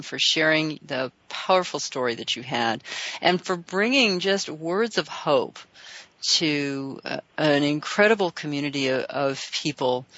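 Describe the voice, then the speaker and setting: A woman hosting a conversational interview show, with halting, measured phrasing. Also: low voice, a bit bright, dry recording. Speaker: show host. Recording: slightly dull, lo-fi audio.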